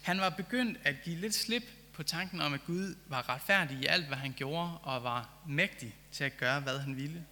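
With earnest conviction, a man preaches a sermon, reading scripture and then reflecting with rising emphasis, leaning into key phrases as he builds his point. His fairly high voice is notably bright and forward, with hardly any pauses. A long hall reverb makes it ring out as if in a church, with slight background noise.

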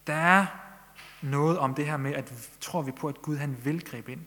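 A man's voice: a little high, sharp tone. A man preaching a sermon in Danish-language church style, earnest, pressing his listeners with questions. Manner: earnest, rising emphasis on questions. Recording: long echo of a large hall.

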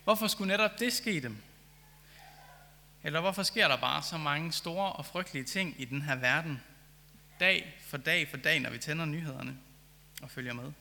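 A man's voice: a little high, gravelly, pushed and bright. A man preaching a sermon, reading scripture and then reflecting on it earnestly, with rising emphasis on key phrases. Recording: long hall reverb.

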